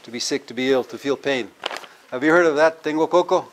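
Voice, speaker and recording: A man's voice: mid-range voice, fast talker, a little hiss or hum. Older man lecturing, drilling pronunciation. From California. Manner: drills pronunciation, quizzing the audience, switching into Spanish. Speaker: university professor teaching Nahuatl. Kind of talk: classroom lecture with audience questions. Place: cultural center lecture room.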